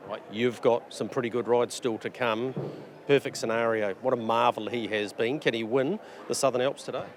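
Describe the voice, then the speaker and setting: A man's voice: mid-range voice, steady tone, normal speed, noisy background. A man interviewing racing people trackside after a race.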